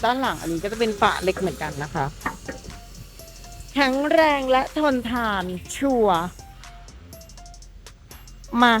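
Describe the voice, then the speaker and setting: A presenter for a truck body workshop channel gives an enthusiastic, chatty walkaround of a customized truck at an outdoor workshop, speaking politely throughout. Her mid-range, fairly bright voice has lively intonation and an unhurried pace with long pauses. Faint music plays beneath her.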